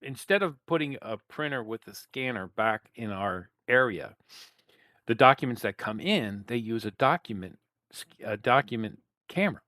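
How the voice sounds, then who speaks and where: A man's voice: mid-range voice, animated, moderate pace, sharp tone, dry recording. A man co-hosting a reselling podcast in casual chat, rambling and restarting his sentences, talking into a headset. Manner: rambling, restarts a lot, loose and profane. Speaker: podcast co-host.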